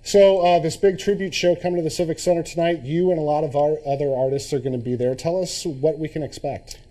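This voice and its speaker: Mellow, husky morning anchor man. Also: a little high, steady tone, fast talker. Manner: friendly, enthusiastic banter. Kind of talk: TV news chat.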